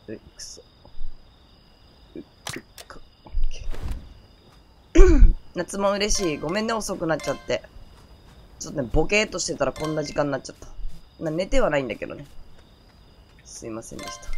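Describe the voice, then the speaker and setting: A woman streaming a game, her throat sore and a little hoarse, muttering to herself and reacting to the gameplay in casual commentary. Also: low-pitched, darkish tone, slight background noise. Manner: talks to herself, muttering and exclaiming over gameplay.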